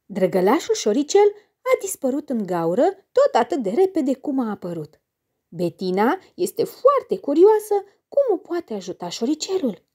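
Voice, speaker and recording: A woman narrating a children's story in an expressive storybook-reading manner. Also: sits high, slightly rough.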